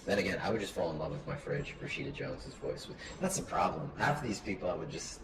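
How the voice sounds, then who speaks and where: Give me a deep-voiced man making relaxed, joking small talk, with noise in the background. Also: quick pace, gravelly. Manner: laid-back, joking, trails off often. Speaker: co-host. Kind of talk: casual chat.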